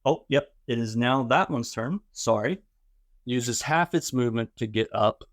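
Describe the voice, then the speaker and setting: A man's voice: mid-range voice, moderate pace, no room sound. A middle-aged man narrating a tabletop game as game master, describing the action step by step and explaining the rules.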